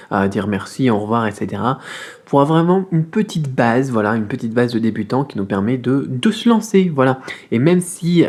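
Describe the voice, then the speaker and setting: A man teaching a casual beginner Mandarin video lesson, explaining in a friendly way, repeating sounds slowly, with many fillers. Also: medium pitch, darkish tone, breathy edge.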